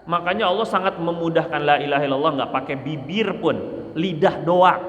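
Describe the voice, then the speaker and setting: A man teaching a casual mosque study lecture, animated and conversational, acting out little examples as he explains. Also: fairly high pitch, fairly quick, highs cut off. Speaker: religious teacher. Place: mosque hall. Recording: echoey mosque hall.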